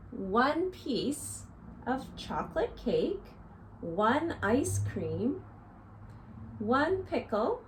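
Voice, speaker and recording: In a small living room, a teacherly woman in her thirties reads a picture book aloud to young children and explains it as a simple lesson. Her fairly high voice is very animated, though her phrasing stays slow and deliberate. Faint ambient noise sits behind her on a rough recording.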